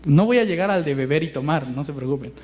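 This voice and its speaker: Un pastor mexicano con acento mexicano que predica un sermón en tono conversacional, imitando voces citadas y lanzando preguntas retóricas. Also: male voice, a little high, expressive, fast, a little mellow. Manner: conversational, acts out quoted voices, asks rhetorical questions. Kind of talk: sermon.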